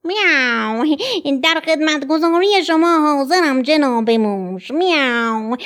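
A woman's voice: high-pitched, animated, a bit bright. A woman voicing a trapped cat that meows between phrases in a children's storybook. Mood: servile. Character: trapped meowing cat, eager to please.

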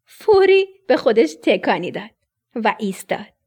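Brief: high, breathy woman storyteller, animated children's narration. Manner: expressive, dips into whispers for suspense.

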